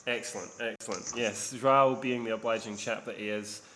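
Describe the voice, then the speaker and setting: A man's voice: on the low side, fairly even intonation, normal speed, a bit bright, slight background noise. A man hosting a podcast in casual, rambling, self-deprecating chat, his voice echoing around a near-empty living room into a laptop mic. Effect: echoey sound from a near-empty living room. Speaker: podcast host. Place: sparse living room, indoors.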